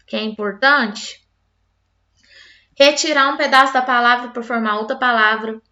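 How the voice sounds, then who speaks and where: Woman teacher, high pitch, patient step-by-step explainer, slightly muffled recording. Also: a bit bright. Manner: patient, explains step by step with frequent "tá?" tag questions. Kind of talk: explanatory lesson.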